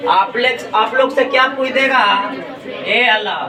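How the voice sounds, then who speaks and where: A man's voice: very high voice, measured pace, a crowd in the background. A male teacher leads a classroom lesson, asking and answering his own questions over and over. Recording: echoey room, mic far off. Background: students in the room.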